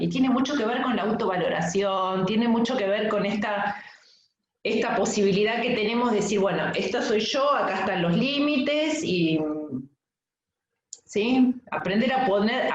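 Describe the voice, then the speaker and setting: A middle-aged woman coach with an Argentine accent, teaching a webinar in a lively, anecdotal way and often asking "¿sí?" to check in with her listeners. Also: medium pitch. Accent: Argentine Spanish. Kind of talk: webinar lesson. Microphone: video call mic. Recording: echoey room, dull lo-fi sound.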